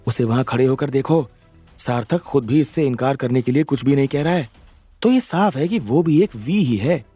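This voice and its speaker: A man's voice: medium pitch, expressive, normal speed, warm tone, slightly rough, soft background music, voice pushed up. A man voicing a suspicious young woman who whispers in a crowd.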